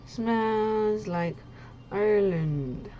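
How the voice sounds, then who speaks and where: Speaking extremely slowly in a mid-range voice with a dark tone, a young adult woman hosts a laid-back livestream. She's an artist whose chat is goofy, giggly and slangy, heard through muffled lo-fi audio over background music.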